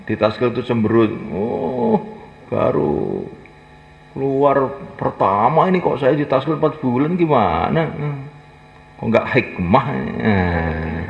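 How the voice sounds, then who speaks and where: Gravelly preacher in an echoey hall. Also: male voice, sits low. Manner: folksy, humorous, voices imagined dialogue, calls listeners to stand. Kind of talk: sermon. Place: mosque gathering. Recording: echoey hall, lo-fi, faint noise.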